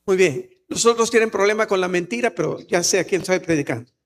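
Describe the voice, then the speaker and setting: Preaching quickly in a high-pitched voice, a Salvadoran-accented pastor addresses his church. The tone is sincere and personal, with occasional emphatic exclamations.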